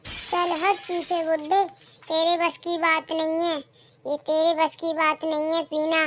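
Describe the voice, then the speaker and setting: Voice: very high-pitched, little pitch movement, slow pace, fairly bright tone, slight background noise, heavily acted. A voice actor playing a drunk, insolent grandson in a cartoon who sneers at his elders. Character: drunk, rude young grandson. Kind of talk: cartoon voice acting.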